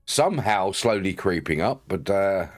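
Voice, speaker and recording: A man's voice: deep voice, lively intonation, moderate pace. A man from the London area, streaming a game and joking with viewers, laughing often. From London area, England. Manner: jokey, laughs often, trying out regional accents for chat. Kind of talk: casual gameplay commentary, chatting with viewers. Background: faint game music.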